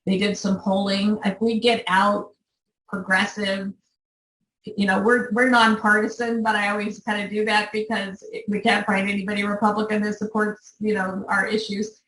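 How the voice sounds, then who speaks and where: Older woman organizer, halting and heartfelt, mid pitch, roomy sound from a distant mic. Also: little pitch movement, fairly bright tone. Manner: earnest, halting, emotional. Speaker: volunteer organizer. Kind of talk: speaking to a meeting.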